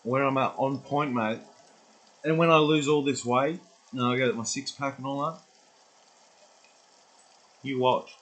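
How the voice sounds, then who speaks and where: A man's voice: medium pitch, steady tone, measured pace, long pauses, fairly bright tone, rough recording. A man in his twenties rambling through a casual vlog monologue, swearing freely and losing his track. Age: 20s. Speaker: vlogger.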